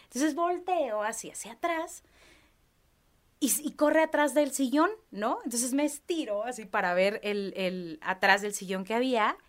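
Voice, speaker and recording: A young woman with a Mexican Spanish accent recounts a personal story in relaxed conversation. Her voice sits a little high, and she throws herself into it, acting out voices and screams as she goes. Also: measured pace. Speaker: podcast guest. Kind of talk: casual storytelling chat.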